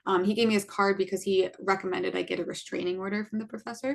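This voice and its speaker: A young woman co-hosting a podcast, recounting her own story in a casual, earnest way. Her voice has a gravelly, vocal-fry texture. She leans on filler words as she talks, and her pitch sits in a middling range. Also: steady tone, quick pace. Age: 20s. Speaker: podcast co-host.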